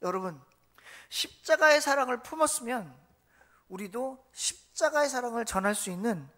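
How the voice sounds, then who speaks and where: A man's voice: extremely high pitch, lively intonation, moderate pace, sharp tone. A male pastor delivers a Sunday sermon in a storytelling manner. He acts out the lines of the figures in his stories and keeps turning to the congregation with questions. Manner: storytelling, quizzing the congregation, acting out quotes.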